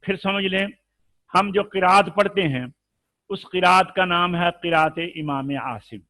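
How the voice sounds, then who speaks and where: A man teaching Quran recitation rules in a live lesson with an Urdu accent, explaining patiently and then chanting the examples slowly. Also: high voice, sharp tone, no echo.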